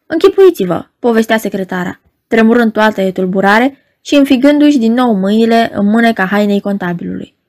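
A woman's voice: fairly high pitch, animated, a little mellow. A woman playing a sobbing hysterical secretary. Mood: breathless. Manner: tearful, frantic, slightly nasal from crying.

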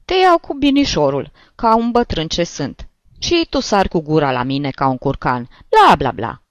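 A kindly old village priest, as a reader puts him on, scolding softly with sighs and homely turns of phrase, his voice climbing high and swooping widely. The storybook reading is close and dry, with a dull, lo-fi sound. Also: very animated, no echo. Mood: chiding. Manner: gently scolding, sighing, folksy.

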